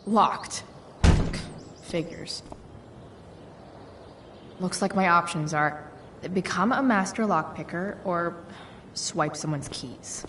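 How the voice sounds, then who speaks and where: A woman's voice: fairly low pitch, slow pace, pauses often, far from the mic, background noise. An actress playing a guarded, rebellious teenage girl in a video game, with a dry, sarcastic, slangy delivery. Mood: sardonic.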